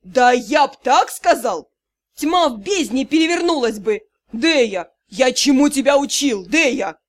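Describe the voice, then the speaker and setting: A woman reading an indignant young male gnome detective who scolds in a loud, exasperated, theatrical rant. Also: sits high, expressive, measured pace. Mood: scolding. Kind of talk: audiobook character reading.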